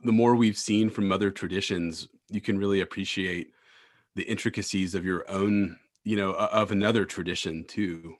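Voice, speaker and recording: A man's voice: low-pitched, steady tone, normal speed, no echo. A man hosting a casual podcast interview as a church missioner, friendly and often restarting phrases. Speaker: podcast host, campus and young adult missioner.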